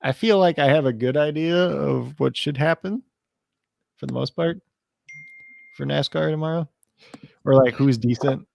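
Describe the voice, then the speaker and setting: A man from Illinois co-hosting a fantasy sports show in relaxed, chatty talk that often trails off mid-sentence. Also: a little high, normal speed, creaky, long pauses, no echo, studio quality. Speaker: fantasy sports podcast co-host. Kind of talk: casual chat.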